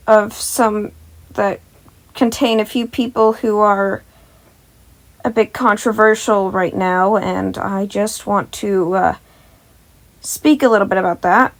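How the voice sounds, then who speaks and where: A woman with a mid-range voice is heard in a low-quality recording. She runs a fan-fiction audio channel, reading stories aloud from a script and dropping in casual asides to listeners as a podfic reader.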